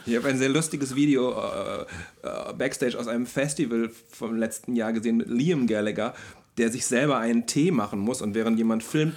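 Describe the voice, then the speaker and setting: Male co-host, dry and measured, moderates the chat and steers it along. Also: medium pitch. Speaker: podcast co-host. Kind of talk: casual chat.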